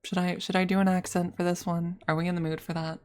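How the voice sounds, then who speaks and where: A young adult woman streaming, chatting casually and thinking out loud as she plans a role-play with her chat, laughing often and swearing freely. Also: on the low side, little pitch movement, quick pace. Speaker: ASMR streamer.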